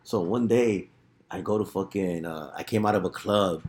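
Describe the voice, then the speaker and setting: A man's voice: deep voice, normal speed, a little mellow. A man telling stories casually in streetwise, profanity-laden slang, peppering his speech with bro and dude. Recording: roomy, echoing room sound.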